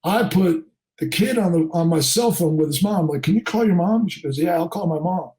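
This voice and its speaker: A middle-aged charter fishing captain from New Jersey tells a story in a podcast interview and acts out the people in it. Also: male voice, high-pitched, animated, fairly quick, warm tone. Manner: acts out quoted people in raised voices.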